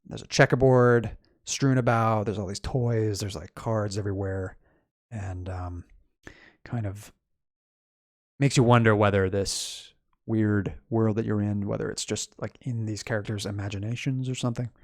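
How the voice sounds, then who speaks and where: A man's voice: lowish voice, fairly even intonation, normal speed, darkish tone, no echo, clean studio sound. A man giving casual game commentary, musing aloud and explaining as he plays. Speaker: game streamer explaining game music. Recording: music playing behind the voice. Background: video game music.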